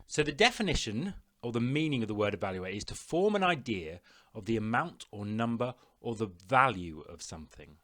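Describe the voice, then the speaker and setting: A man presenting a recorded classroom lesson, giving clear step-by-step instructions to pupils. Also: mid-range voice, sing-song, brisk, fairly bright tone. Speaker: teacher.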